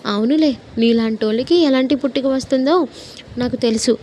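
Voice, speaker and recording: A woman's voice: high voice, fairly quick, mellow, slight background noise, natural voice. A woman voicing a haughty, scornful villainess. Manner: haughty, mocking. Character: arrogant scornful young mother, villain.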